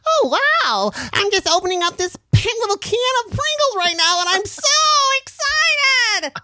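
A man voicing a hyped-up cartoon giraffe buzzing on energy drinks, in a shrill, squealing voice. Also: sing-song, normal speed, bright, forceful tone, no room sound, full character voice. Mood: giddy.

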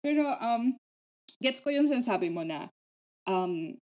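A woman's voice: fairly high pitch, expressive, moderate pace, darkish tone. A woman with a Filipino accent chatting casually as a podcast co-host, switching between English and Tagalog mid-sentence. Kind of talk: casual chat.

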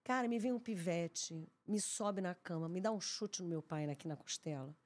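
A woman, a podcast guest telling a story in an animated, emphatic way, often repeating herself. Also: lowish voice, normal speed. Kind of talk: casual chat, storytelling.

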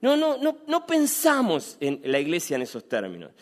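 Rioplatense male pastor, high lively voice, sermon in a reverberant church hall. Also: moderate pace. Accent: Rioplatense Spanish. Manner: animated, acts out quoted dialogue, repeats phrases.

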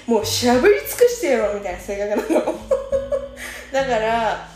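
A woman's voice: fairly high pitch, expressive, brisk, a little mellow. A young woman in her twenties casually telling a personal story, chatty and informal, laughing often as she talks. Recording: echoey room with faint music.

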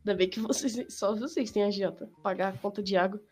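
Young woman, Brazilian accent, medium pitch, slangy casual talk, soft music in background. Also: fairly even intonation, fast, breathy edge.

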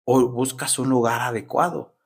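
Husky guy preaching a devotional, passionate, keeps asking "right?". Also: medium pitch, steady tone, normal speed. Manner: passionate, repeats "¿verdad?" often. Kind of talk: devotional teaching.

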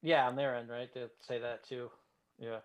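A man's voice: mid-range voice, level tone, moderate pace, no room sound. A man hosting a casual podcast chat in an upbeat, laughing way. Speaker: podcast host.

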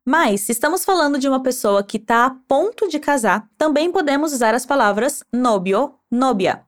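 A woman with a high, very lively voice leads a language lesson. She models each phrase slowly and patiently, then prompts the learner to repeat it. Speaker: Spanish teacher.

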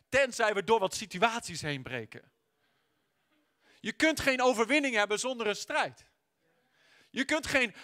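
A male preacher with a high, bright voice delivers a sermon in church, emphatic and mixing in English words, at times rising nearly to a shout. He sounds like he has a sore throat.

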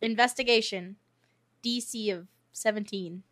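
A woman chatting casually as she runs a tabletop game, excitable and swearing freely. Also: medium pitch, unhurried. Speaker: tabletop role-player running characters.

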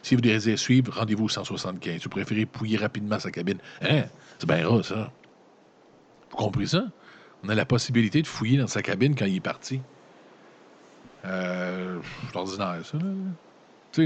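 Very deep-voiced Quebec French man reading a gamebook. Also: a little fast, a little hiss or hum. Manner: breaks off narration with joking, slangy asides. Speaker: gamebook reader and player. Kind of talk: reading a gamebook aloud with casual commentary.

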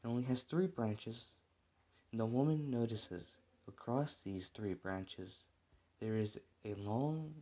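A man reading a dark story aloud at a plain, unhurried pace, with small slips and restarts. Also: lowish voice, muffled recording.

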